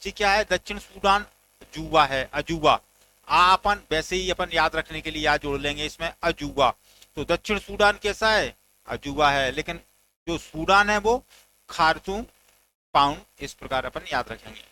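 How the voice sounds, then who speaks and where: Guy teacher with a high bright voice doing goofy memory stories, faint hiss behind. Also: moderate pace, poor audio. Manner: playful storytelling with mnemonic jokes, acted dialogue. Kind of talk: memory-trick general knowledge lesson.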